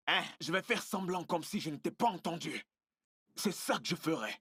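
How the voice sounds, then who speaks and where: Here is a stern brother who scolds a sibling for gossiping. His voice is high, sharp and a little husky. Faint film music plays underneath. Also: lively intonation, a little slow, no room sound, clean studio sound, exaggerated voice. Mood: reproachful. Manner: reproachful. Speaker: dubbed film actor.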